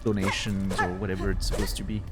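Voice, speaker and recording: A man's voice: sits low, level tone, quick pace, loud music behind the voice. A man doing casual gameplay commentary as a streamer, thinking aloud as he plays. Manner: thinks aloud, self-talk. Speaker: video game streamer.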